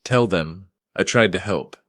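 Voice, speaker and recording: A man's voice: low-pitched, brisk, no room sound, clean studio sound, pitched above the performer's own voice. A man voicing a cowardly male lawyer who wails and begs in an audio story. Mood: begging. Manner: wailing, begging.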